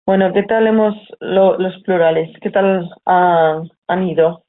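Over tinny, phone-like sound, an Italian teacher with a Spanish accent from Spain takes her time in a live online lesson. Her lowish voice keeps a fairly even intonation while she explains patiently and reads out students' questions from the chat.

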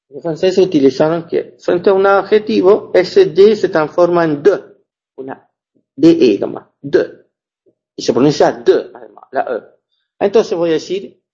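A man gives a language lesson at an unhurried pace, repeating himself and checking that his students understand. His voice is mellow and a little husky. The recording sounds dull and lo-fi. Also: high voice. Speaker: French teacher.

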